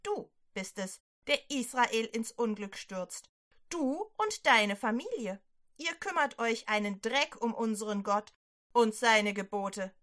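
A woman's voice: a little high, expressive, slow pace, fairly bright tone. A woman voicing a stern male prophet who scolds a king and commands the people, in a children's Bible story. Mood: rebuking.

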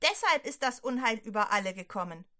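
A woman's voice: on the high side, expressive, fairly quick, pushed and bright. A woman voicing a stern male prophet who scolds a king and commands the people, in a children's Bible story. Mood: rebuking.

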